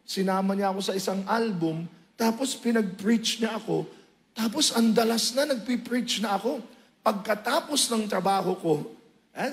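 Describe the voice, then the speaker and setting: A man preaching a sermon shares his testimony, recounting his story with animated energy and emotional swings that climb into loud peaks.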